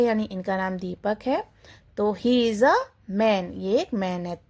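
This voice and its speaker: A woman teaching a kindergarten English lesson in Hindi and English. She explains slowly and patiently, asks questions and answers them herself, and imitates animal sounds. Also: a little high, darkish tone.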